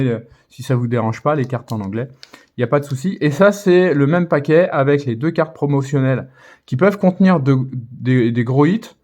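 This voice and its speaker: A man casually commenting as he opens trading card packs, hesitating often with filler sounds and restarts and reading card names out slowly. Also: medium pitch, a little mellow. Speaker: card-opening video host.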